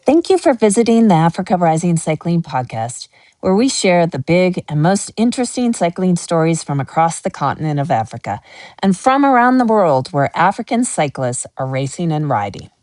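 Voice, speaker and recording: A woman hosts an interview podcast, opening with a polished introduction and moving into friendly questions. Her pitch moves a lot and her tone stays upbeat. The recording is dry, with almost no room sound. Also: big pitch swings, normal speed, a little mellow, no room sound. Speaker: podcast host.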